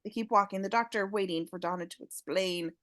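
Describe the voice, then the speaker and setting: A woman narrating the action descriptions of a fan audio drama script, reading at a paced rhythm with pauses. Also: mid-range voice, a bit bright. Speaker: narrator of stage directions.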